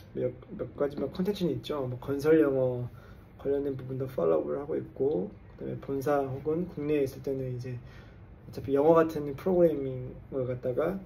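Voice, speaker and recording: A gravelly yet mellow voice with a fairly high pitch comes from far off the mic, with a little hiss or hum in the audio. It belongs to a tipsy South Korean man in his forties, a construction engineer and English coach hosting a channel, who delivers a casual monologue to camera peppered with English jargon.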